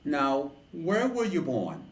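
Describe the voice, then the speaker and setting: A man from New York hosting an interview podcast, speaking in a formal, deliberate way. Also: fairly high pitch, huge pitch swings, roomy sound, poor audio. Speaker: podcast host and DJ.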